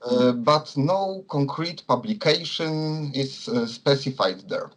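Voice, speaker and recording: A man from Poland with a Polish accent, a non-native speaker answering interview questions in a hesitant, halting way, searching for words. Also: medium pitch, lively intonation. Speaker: interviewee, communist political activist.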